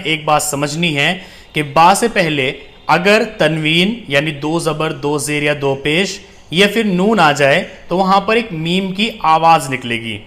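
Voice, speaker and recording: A man teaching Quran reading, spelling out letters and vowel marks, then chanting verses slowly and explaining quickly. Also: on the high side, sharp tone. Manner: slow drawn-out recitation alternating with quick explanations. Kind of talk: spelling out and reciting Quranic text for learners.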